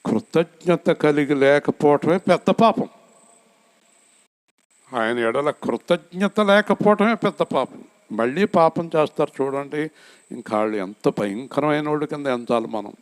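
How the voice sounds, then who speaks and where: A male pastor preaching a sermon, asking the congregation questions and swinging from high, loud emphasis down to low, quiet words. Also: measured pace.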